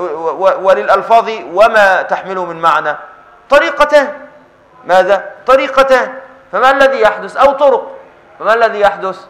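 A man with an Egyptian accent teaching a classroom lesson on jurisprudence, talking fast in a high, bright voice. He keeps tossing questions at his students and answering them himself. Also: low-quality recording. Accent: Egyptian Arabic. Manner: constant call-and-response questioning of students. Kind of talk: classroom lesson explaining a text.

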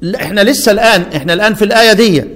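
A man with an Egyptian accent teaches Quran reading variants, his voice pitched high. He quizzes his students and chants the verses slowly. The sound rings with a long hall reverb. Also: fairly bright tone. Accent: Egyptian Arabic.

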